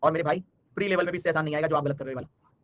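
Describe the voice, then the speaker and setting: A man teaching a live online reasoning class, talking fast and teasing and scolding his students by name. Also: a little high, a bit bright, lo-fi sound. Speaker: online exam-prep teacher.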